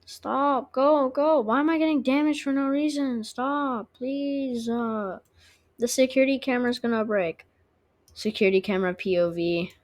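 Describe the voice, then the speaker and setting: Playing a game for her channel, this woman keeps up casual let's-play chatter with her audience and encourages them to subscribe. She records on her own microphone, speaking at a normal speed in a voice that sits high.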